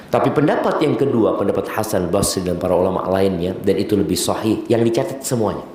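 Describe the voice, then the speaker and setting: A man giving a lively sermon, asking rhetorical questions and using casual asides. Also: fairly low pitch. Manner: lively lecturing, rhetorical questions, mixes in Javanese phrases. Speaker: preacher. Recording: echoey room with faint ambience.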